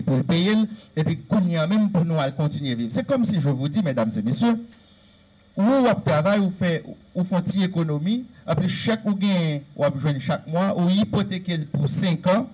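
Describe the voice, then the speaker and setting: Earnest and repetitive, a Haitian Creole-accented man lectures on Haitian history, emphasizing his points by listing them again and again. His pitch is fairly high with a darkish tone, captured in a low-quality recording.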